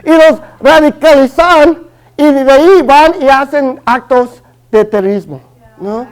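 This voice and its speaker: The recording is rough, and the man's very high-pitched voice moves a little slowly. He's in his early thirties, from Los Angeles with family from Guatemala, and delivers a Spanish-language sermon in a Chicano Spanish accent, hesitating with many fillers and restarts.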